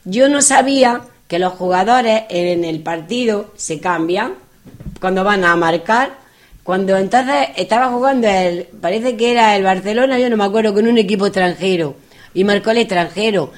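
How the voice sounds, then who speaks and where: Lively woman telling anecdotes. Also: mid-range voice, moderate pace. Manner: lively, animated anecdotes with acted quotes. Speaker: guest telling travel stories. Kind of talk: casual storytelling chat.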